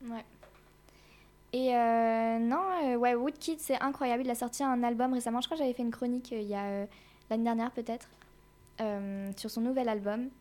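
A woman with a fairly high voice runs a casual radio music chat. She talks loosely and laughs often. Her speech is full of little hesitations. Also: steady tone, moderate pace, darkish tone. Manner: chatty, laughs often, many fillers. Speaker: radio show host.

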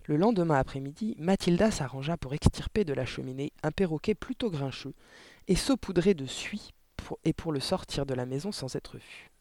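A man reads a children's novel aloud in an animated, theatrical way. His pitch rises and falls widely and sits a bit high for a man. The recording is dry and close, with no room sound. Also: normal speed, dry recording. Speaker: audiobook reader. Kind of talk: expressive storybook narration.

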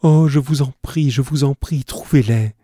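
A man's voice: fairly low pitch, measured pace, vocal fry, mellow, husky, no echo, clean studio sound, heavily acted. A man voicing an anxious young woman who stammers and begs, read aloud from a classic story. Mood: pleading. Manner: hesitant, stammering, begging.

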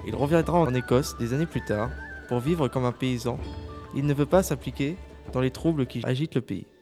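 A man with a mid-pitched voice presents a film as a reviewer on a discussion show. He speaks partly from prepared notes and partly casually, with light music behind him. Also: brisk, darkish tone.

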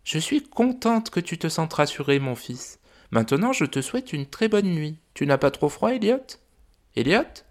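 A man voicing a gentle, caring mother dragon in a children's audio story, soft and reassuring. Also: fairly high pitch, big pitch swings, moderate pace, voice pushed up. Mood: grateful.

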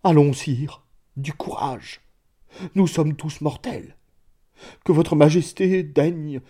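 A man's voice: medium pitch, animated, slow, vocal fry, mellow, slightly rough, pitched above the performer's own voice, heavily acted. A man voicing a sentimental middle-aged bourgeois, a former mayor, speaking in an emotional, sobbing way in a storybook reading. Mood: consoling.

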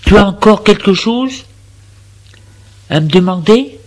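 A man's voice: high-pitched, animated, takes it slowly, pitched above the performer's own voice, heavily acted. A man voicing a brusque young woman student who is curt and scolding in a spoken story. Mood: dismissive.

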